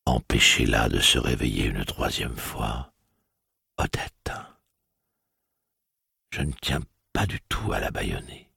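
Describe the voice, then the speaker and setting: Man doing a slow, velvety, stern gunslinger. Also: lively intonation, gravelly, pushed and bright, breathy edge, no echo, studio quality, heavily acted. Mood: cold resolve. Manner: slow, low, velvety and measured. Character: weary, stern male gunslinger, calm and cold.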